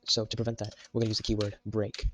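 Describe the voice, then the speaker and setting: A man's voice: fairly low pitch, completely flat delivery, very fast, background noise. A young man giving a casual, joke-filled programming tutorial while typing at his computer. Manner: jokey, meme-filled explaining. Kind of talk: casual screen-recorded coding tutorial.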